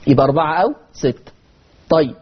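A man's voice: fairly high pitch, fast talker, slightly rough, lo-fi sound. A man with an Egyptian accent teaching Quran recitation, asking and answering his own questions and drawing out sounds to show how they are said. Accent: Egyptian Arabic. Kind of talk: recitation lesson.

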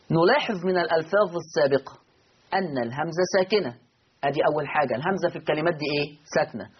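An Egyptian man teaching Quran recitation rules, patiently repeating each rule, asking and answering his own questions and slowly chanting example words. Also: sits high, slightly rough, muffled recording. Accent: Egyptian Arabic. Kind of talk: recorded lesson.

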